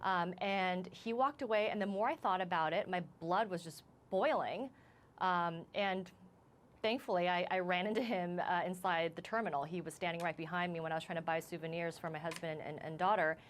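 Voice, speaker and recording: A woman reporter speaking on a live news interview, her voice set a little low for a woman. She is shaken and halting, stumbling and restarting her sentences as she talks it through, with a faint hiss behind her.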